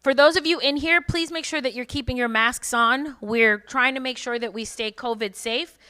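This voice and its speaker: A woman's voice: sits high, normal speed, sharp tone, no echo. A woman emcee reading a speaker's bio aloud to a room and adding offhand asides and announcements. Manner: reads smoothly, adds offhand asides. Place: event room with a live audience.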